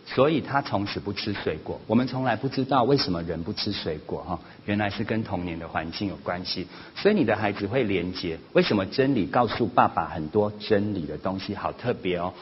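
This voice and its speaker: A man giving a sermon-style parenting lesson at church, animated, often acting out family quarrels in a raised voice. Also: on the low side, fairly quick, hardly any pauses, husky. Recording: slightly dull lo-fi recording with faint noise.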